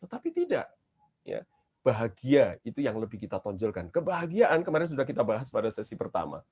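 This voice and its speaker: A man's voice: mid-range voice, wildly swooping pitch, a little fast, darkish tone, slightly rough. Indonesian man teaching songwriting. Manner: explains patiently, breaks into short sung demonstrations. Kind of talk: webinar lecture with sung examples. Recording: dull lo-fi webinar audio with faint guitar.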